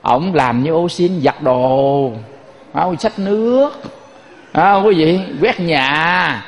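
A man's voice: a little high, animated, slow pace, in a large hall. A man giving a folksy Buddhist sermon, telling stories and constantly addressing his listeners. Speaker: Buddhist monk teacher.

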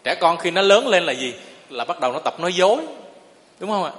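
A man's voice: high-pitched, expressive, brisk, a bit bright. A man, a Buddhist monk giving a sermon in a folksy storytelling way and often asking the listeners if they agree. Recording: long reverb of a hall.

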